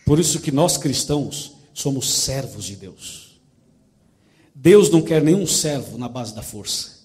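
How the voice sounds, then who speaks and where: A man's voice: medium pitch, measured pace. A man preaching, telling a parable and asking the congregation questions. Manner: animated storytelling with rhetorical questions. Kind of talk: sermon with a storytelling parable.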